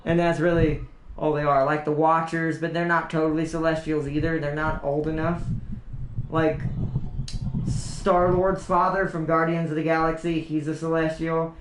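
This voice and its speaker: A young man with a high voice for a man talks in a loose, rambling livestream chat, restarting sentences and chuckling as he goes. His voice rings in a roomy, echoey space. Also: little pitch movement, normal speed, slight background noise. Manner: rambling, chatty fan talk with restarts and laughs. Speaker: livestream host. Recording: roomy echo.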